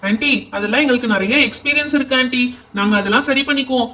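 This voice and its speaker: A man's voice: very high-pitched, very fast, sharp tone, recorded from a distance. A man doing a chatty, helpful young boy. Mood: reassuring. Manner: chatty, reassuring. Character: helpful young boys, caring friends. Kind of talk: doll pretend-play voice acting.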